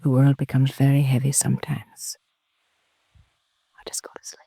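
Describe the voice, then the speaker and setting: An actress playing a patient hospital nursing sister in a 1950s radio drama, hushed and gently coaxing. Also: female voice, rumbling low, completely flat delivery, normal speed, creaky, breathy edge, no room sound, exaggerated voice. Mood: hushed concern.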